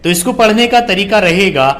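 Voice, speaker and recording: Man, high-pitched, Quran reading teacher, slow deliberate spelling drill. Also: animated, a bit bright. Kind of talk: spelling drill and explanation lesson.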